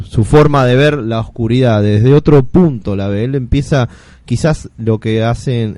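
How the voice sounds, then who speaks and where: Argentine man, Rioplatense accent, talking literature on radio; easygoing, rambling, mid-pitched, dry close mic. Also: dry recording. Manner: relaxed, rambling with fillers and restarts. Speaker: literature columnist. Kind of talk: casual radio commentary.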